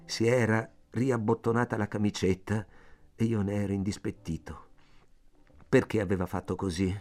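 A man narrating a novel in the first person, measured and intense, as an audiobook reader. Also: fairly low pitch, steady tone, darkish tone. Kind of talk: scripted literary narration.

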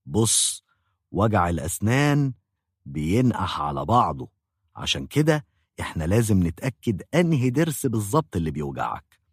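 A man's voice: on the low side, big pitch swings, moderate pace, husky, no room sound, studio quality, voice pushed down, heavily acted. A man voicing a bossy, menacing male dentist with an Egyptian Arabic accent, barking orders and then turning curt and firm.

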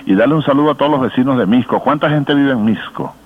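A man's voice: mid-range voice, fast, breathy edge. A man with a Venezuelan accent hosts a call-in radio chat, talking in a friendly, joking way. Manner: warm-hearted, chatty, joking. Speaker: radio host. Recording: phone-like radio broadcast.

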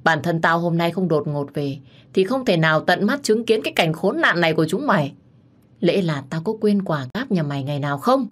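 A woman's voice: fairly low pitch, expressive, a little fast. A woman voicing a furious, scornful middle-aged wife who hurls threats at her rival.

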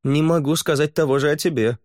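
Мужчина озвучивает резкую воительницу-полукровку. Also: male voice, on the high side, a little fast, a little mellow, no room sound, studio quality, voice pushed up, lightly acted. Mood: mocking. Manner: blunt and curt. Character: stern, hardened half-blood woman warrior.

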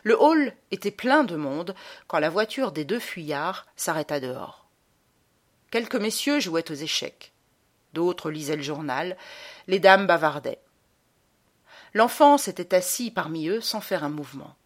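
A woman narrating a literary audiobook with dramatic, expressive reading and slowed emphasis. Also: on the low side.

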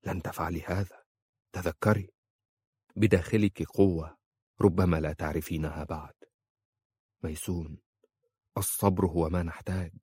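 A man reading an audiobook and voicing a calm, devoted young man who speaks quietly and firmly. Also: low voice, normal speed, pauses often, breathy edge, no room sound. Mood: tender. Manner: quiet and firm. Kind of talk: audiobook character voice.

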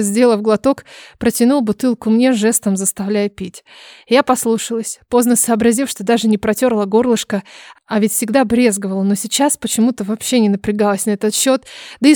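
A woman with a fairly high voice narrates an audiobook in first person, reading with dramatic expression. The sound is close and dry, with no room around it. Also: dark tone, no room sound.

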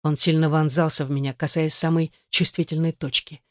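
A male audiobook reader in steady, even scripted narration. His voice sits a little high for a man. The recording is dry and close, with no room sound. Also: fairly quick, no echo.

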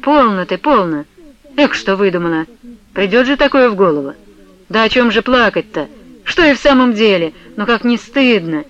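A woman's voice: medium pitch, lively intonation, moderate pace, a bit bright, dull audio, close to an everyday voice. A woman reading the lines of a hot-tempered young peasant man who has just bought a steamboat, insistent and heated. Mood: soothing.

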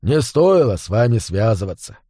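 A man voicing a bitter, sulky male tavern keeper who complains in a lowered, glum voice. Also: big pitch swings, moderate pace, mellow, no echo, studio quality.

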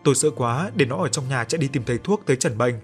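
A man's voice: mid-range voice, expressive, fast, faint music behind, natural voice. A man voicing a frightened old grandmother in a ghost story, stammering and tearful.

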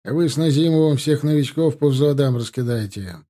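A man voicing a cavalry captain who complains in an aggrieved, drawn-out way in a storybook reading. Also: fairly high pitch, dark tone, natural voice. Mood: commanding. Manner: whining, aggrieved.

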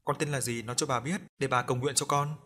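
A devout grandmother from a spoken ghost story speaks in soft, coaxing tones, which a man puts on. Her speech is gentle and polite, with an anxious edge. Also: medium pitch, steady tone, fast talker. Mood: soothing.

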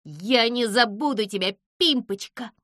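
A woman's voice: a little high, measured pace, a bit bright, no room sound, clean studio sound. A woman voicing an envious male creature who vows boastfully that he will become king. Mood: vowing.

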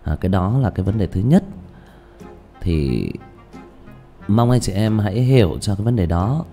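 Animated and mellow, a man with a lowish voice hosts a casual livestream at a moderate pace, also reading ghost stories. He rambles, frequently restarting and repeating words, with faint music in the background.

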